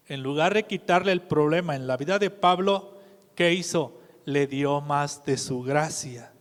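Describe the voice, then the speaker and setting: Slow, measured preacher in a church hall. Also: male voice, a little high. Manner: measured, asks the congregation questions. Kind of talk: sermon.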